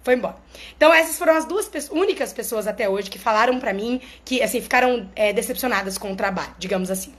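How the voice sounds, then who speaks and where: A high-pitched woman talks casually to her followers as a therapist. Her delivery is chatty and explanatory, and she keeps checking in with the people listening. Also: fast talker, a bit bright.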